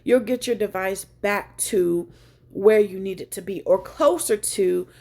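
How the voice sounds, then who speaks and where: Here a tech tutorial host walks through a phone in a relaxed screen-share session, joking, chatting, and reasoning aloud along the way. Her mid-range voice is a little slow and a little mellow.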